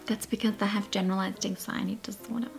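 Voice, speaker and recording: With faint music behind her, an Australian woman in her twenties speaks in a gravelly, mid-range voice that barely moves in pitch. She chats casually beside her partner in a small indoor room before a plain wall, answering viewer questions with frank, quick jokes and laughter.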